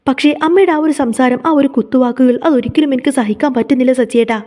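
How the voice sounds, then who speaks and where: A woman voicing a gentle, hurt young wife who pleads, in a fast retelling of a TV serial. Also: high voice, natural voice. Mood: pleading. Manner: pleading, tearful.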